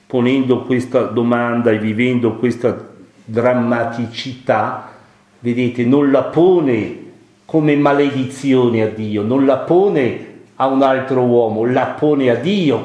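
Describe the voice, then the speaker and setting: A man's voice: medium pitch, a little mellow. A man preaching a sermon, commenting on a Bible passage in a reflective way, repeating key phrases and asking rhetorical questions. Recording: echoey room.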